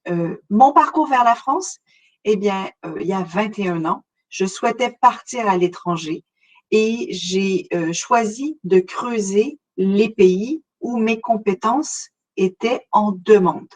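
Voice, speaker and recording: Speaking slowly in a mid-range voice, a middle-aged Québécois-accented woman from Montreal, Canada, leads a webinar as a relocation consultant. She addresses her listeners directly and conversationally, with many hesitations.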